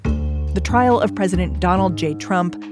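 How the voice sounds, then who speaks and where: A woman's voice: lowish voice, measured pace, music in the background. A woman hosting a podcast, moving between narration and conversation. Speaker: podcast host.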